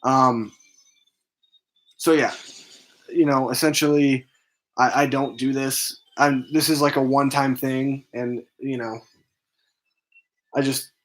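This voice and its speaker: Rambling tired man chatting over a game. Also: medium pitch. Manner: rambling, many ums and restarts, tired. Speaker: movie channel host streaming a game. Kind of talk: casual gaming stream chat.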